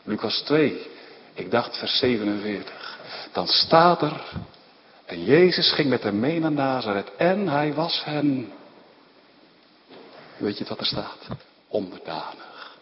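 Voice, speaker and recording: Animated preacher in an echoing hall. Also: male voice, mid-range voice, slow, pauses often. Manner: animated, rising to emphatic outbursts, frequent tag questions. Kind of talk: sermon. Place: church. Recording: dull lo-fi recording in a reverberant hall with faint background noise.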